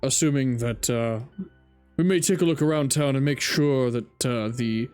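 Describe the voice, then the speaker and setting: Male role-playing gamer, average pitch, formal but halting improvised lines, background music. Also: a little mellow, smooth. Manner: hesitant, measured, formal phrasing. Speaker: player in a tabletop role-playing game. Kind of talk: improvised in-character dialogue.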